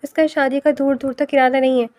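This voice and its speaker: A woman's voice: high-pitched, little pitch movement, darkish tone, no room sound, clean studio sound, close to an everyday voice. A woman voicing a heartbroken, shy young man speaking sadly of himself. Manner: sad, self-pitying.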